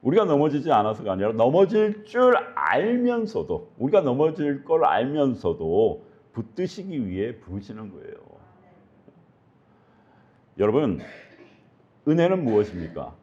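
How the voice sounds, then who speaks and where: A man's voice: medium pitch, wildly swooping pitch, unhurried, a little mellow, highs cut off. A male pastor preaching earnestly, often putting questions to his congregation. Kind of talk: sermon.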